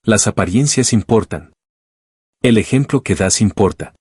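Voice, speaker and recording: A man's voice: on the low side, animated, unhurried, darkish tone, slightly rough, no echo, studio quality, heavily acted. A man voicing a severe village priest who speaks with cold reproach in a spoken story. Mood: stern.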